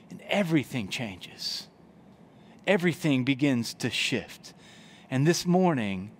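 A medium-pitched male voice belongs to a pastor in his forties who preaches an earnest sermon, gesturing broadly, in a church chapel before a brick wall. He uses a headset mic indoors, and slight background noise can be heard.

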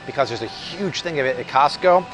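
Over music, an American man in his thirties speaks fairly quickly with an expressive, medium-pitched voice. He's a cheerful, talkative vlog host enthusiastically reviewing a product in a large supermarket aisle indoors, where store ambience and hum are clearly heard.

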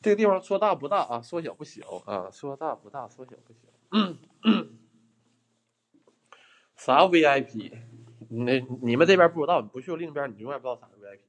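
A man's voice: on the high side, lively intonation, fast. A young man, livestreaming a ghost hunt indoors in an abandoned house. He chats and jokes with his viewers and flares up in mock anger, speaking into a handheld phone. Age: young adult. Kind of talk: casual livestream chat.

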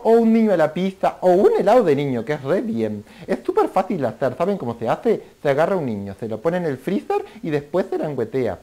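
A woman's voice: on the low side, dark tone. A woman voicing a hungry, boastful male wolf in a children's puppet show, growling and greedy.

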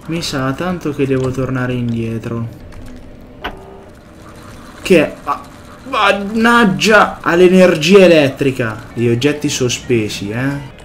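A man doing a let's play commentary on a horror game, excitable, swearing and shouting whenever something jumps out. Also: medium pitch, a little hiss or hum. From Italy. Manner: excitable, swears and yelps at scares. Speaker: gameplay commentator.

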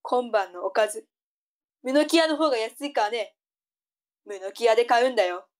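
A woman's voice: fairly high pitch, expressive, normal speed, lightly acted. A woman playing a strict, bossy mother in a tongue-twister audio drama. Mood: brisk.

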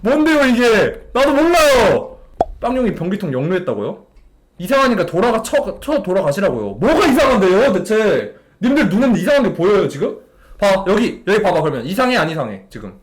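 Young man, game streamer; high, animated delivery, exasperated commentary to chat. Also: brisk, a crowd in the background. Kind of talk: live gameplay commentary to chat.

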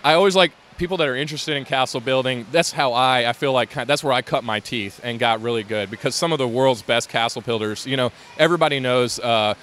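Speaking fast with few pauses, a man with a medium-pitched, fairly bright voice describes his LEGO build in a casual indoor convention interview. His talk rambles, packed with fillers and restarts, and a little hiss or hum is audible.

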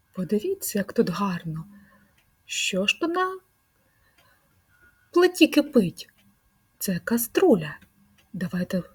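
A woman leading a speech-sound lesson for preschool children, stretching out words in a slow, sing-song way. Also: mid-range voice, husky. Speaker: preschool teacher.

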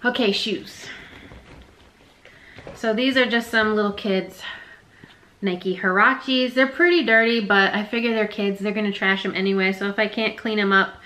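A woman's voice: medium pitch, moderate pace, bright, forceful tone, rough recording. A young woman chatting casually through a resale haul vlog, rambling and self-deprecating. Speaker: reseller vlogger.

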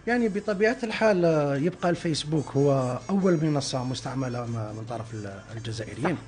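A man's voice: medium pitch, lively intonation, fast talker, a little mellow, faint music behind. A man with an Algerian Arabic accent, a guest on a radio interview, explaining at length with many filler sounds and French words mixed in. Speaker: guest, traffic info page team member.

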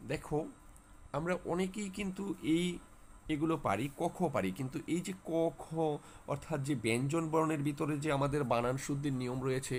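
A man's voice: medium pitch, slight background noise. A man teaching students spelling rules, often repeating key words and asking then answering his own questions. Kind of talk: spelling lesson for exam students.

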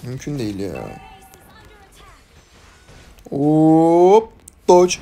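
Man, mobile game commentary, frustrated, muttering then yelling at teammates, mid-pitched voice, faint background noise. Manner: frustrated, scolding teammates, swings from low muttering to loud yelling. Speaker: gaming channel host. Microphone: recorded on a phone.

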